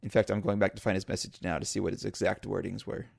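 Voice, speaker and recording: A man's voice: low voice, flat delivery, fast talker, vocal fry, darkish tone, slightly rough. A man co-hosting a podcast, trading playful, teasing banter in casual chat. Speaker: podcast co-host.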